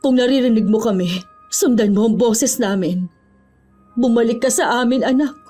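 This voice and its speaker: A woman's voice: a little high, normal speed, mellow, soft background music, close to an everyday voice. A woman voicing a tearful middle-aged mother who pleads for her child, in an audio horror story. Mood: pleading.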